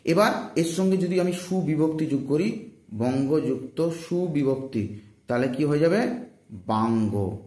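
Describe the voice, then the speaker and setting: A man's voice: fairly high pitch, lively intonation, unhurried, a little mellow, roomy sound. A male teacher giving an exam-prep grammar lesson, drilling his students with repeated questions and answers. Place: room, filmed with handheld phone. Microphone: handheld phone.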